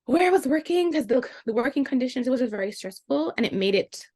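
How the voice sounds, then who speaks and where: A young Jamaican woman, a guest in a casual interview, talks fast as she recounts her experiences with animated energy. Her pitch leaps upward whenever she quotes people's reactions.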